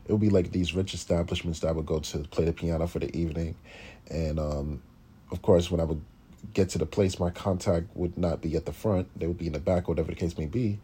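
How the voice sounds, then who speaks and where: New guy in his 30s, pianist telling stories, swears a lot, deep husky voice. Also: a little fast. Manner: blunt and profane, with animated impressions of others. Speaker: classical pianist. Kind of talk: casual storytelling.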